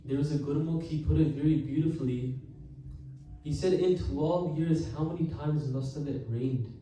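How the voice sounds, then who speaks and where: The speaker is a Sikh preacher from Canada giving katha with earnest conviction, his dark, mellow voice a little high. He often calls out to the congregation and slows down to emphasize key words. Heavy echo fills the large hall, and the distant pickup carries a faint hiss.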